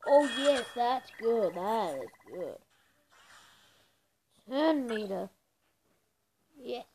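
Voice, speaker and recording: A woman narrates her own gameplay in a relaxed, slow drawl with a fairly high voice. Her voice has a gravelly fry, and she mumbles between excited little reactions. A clear layer of noise sits under the recording. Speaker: gameplay video creator. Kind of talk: casual gameplay commentary.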